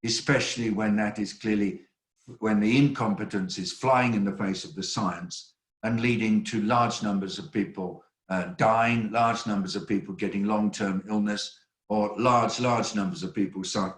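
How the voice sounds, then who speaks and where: An older man hosting an online briefing, speaking in a measured, earnest way with frequent hesitations. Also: fairly low pitch, fairly even intonation, reverberant. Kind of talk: spoken briefing remarks. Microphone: video call.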